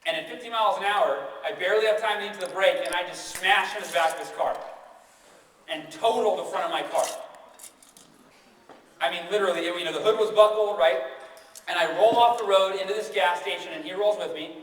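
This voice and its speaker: Young male motivational speaker, high-pitched and chatty, in an echoey hall. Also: fairly quick. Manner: energetic, conversational, tags lines with "right?". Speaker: keynote speaker. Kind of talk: motivational keynote storytelling. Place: large hall with audience. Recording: echoey hall, distant mic, faint noise.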